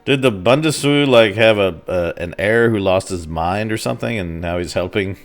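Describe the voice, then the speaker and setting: A low-voiced man in voice chat with friends, mostly tossing in short, dry remarks. He is short on sleep. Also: moderate pace, soft background music. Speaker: multiplayer game player. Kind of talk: casual voice-chat banter.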